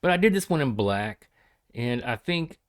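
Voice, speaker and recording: Man, folksy, hesitant and rambling, casual hobby vlog, medium pitch. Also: very animated, normal speed. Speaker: pipe hobbyist and leather crafter showing his work. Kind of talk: casual vlog chat to viewers.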